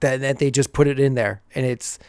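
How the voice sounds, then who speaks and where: A man's voice: mid-range voice, steady tone, fairly quick, darkish tone, smooth, dry recording, studio quality. A man co-hosting a podcast, recapping an episode in a casual, chatty way and often chuckling as he goes. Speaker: podcast co-host.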